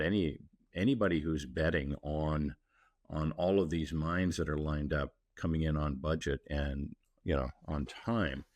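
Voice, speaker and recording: A man speaking as a company executive in an interview, relaxed and halting, with many fillers and restarts. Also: rumbling low, no echo, studio quality. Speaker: mining company executive guest. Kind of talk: casual interview talk.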